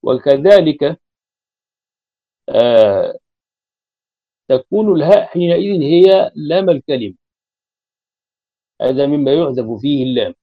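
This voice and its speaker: A man delivers a grammar lecture in a mid-pitched, gravelly voice, working through each point in an explanatory way and pausing on long fillers. The recording sounds dull and lo-fi. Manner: deliberate, explanatory, frequent drawn-out fillers. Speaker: grammar teacher.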